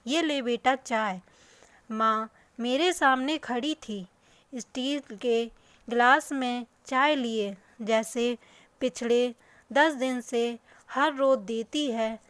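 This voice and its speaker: Woman, storyteller, scripted emotional narration, soft sorrowful reading, slightly high voice, very slow. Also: smooth, dry recording.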